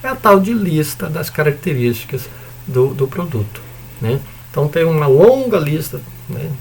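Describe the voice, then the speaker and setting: A very animated man with a slightly high, gravelly, darkish voice and a breathy edge talks at normal speed. He's a Brazilian-accented university lecturer giving an informal recorded lecture, explaining in a chatty way with lots of tag questions, joking asides, and the occasional mild swear word.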